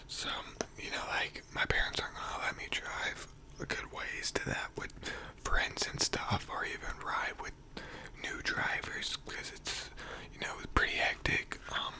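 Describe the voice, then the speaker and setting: Quiet late-night American teen whisper, ASMR ramble. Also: unhurried, rough recording. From North Carolina, United States. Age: teenager, around 16 to 18. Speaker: ASMR video creator.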